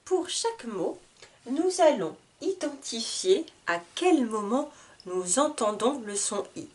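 Woman teacher, slow reading lesson, lively high pitch, splits each word into syllables. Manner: spells out words syllable by syllable, repeats each word. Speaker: French teacher. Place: classroom with whiteboard.

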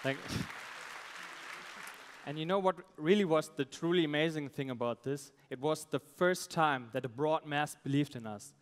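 A man, a startup founder giving a halting, pitch on a conference stage. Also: a faint crowd. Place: stage in a large event hall. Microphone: headset. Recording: amplified voice in large reverberant hall.

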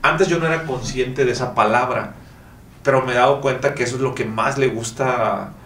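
A man's voice: mid-range voice, brisk, fairly bright tone, recorded from a distance, slight background noise. A man from northern Mexico hosts a casual podcast, speaking with a Mexican Spanish accent. He asks candid, direct questions. The sound carries a roomy echo and comes from a mic set back from him, with faint ambience behind. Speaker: podcast host. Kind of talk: casual interview chat.

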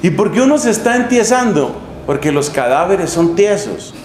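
A middle-aged man, a friar, preaching a sermon with lively, humorous storytelling in a monastery chapel. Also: high-pitched, moderate pace. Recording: echoey room, faint hum.

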